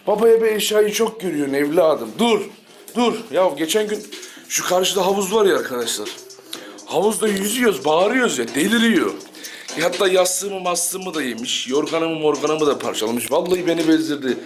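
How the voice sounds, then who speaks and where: A man's voice: a little high, lively intonation, moderate pace, faint music behind. A man, chatting casually to viewers in a home vlog while teasing and scolding his dog. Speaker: dog channel vlogger.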